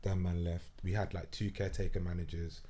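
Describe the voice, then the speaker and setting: Man, South London roadman accent, fairly low voice, casual slangy conversation. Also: flat delivery, brisk, warm tone, slight background noise. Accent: South London, urban street. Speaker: former footballer, guest. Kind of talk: casual chat.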